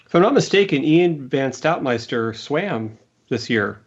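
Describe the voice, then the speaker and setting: A man kayaker on a podcast, chiming in with slow, dry remarks and jokes. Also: medium pitch, expressive, highs cut off. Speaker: kayaker guest. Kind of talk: casual podcast chat.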